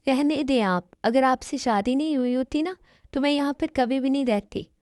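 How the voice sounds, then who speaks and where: Fan-dub role: woman playing a pouty young wife, pleading, high and dry. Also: normal speed, a little mellow, dry recording, lightly acted. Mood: sulky. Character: tearful, clingy young wife. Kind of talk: amateur fan-story dub.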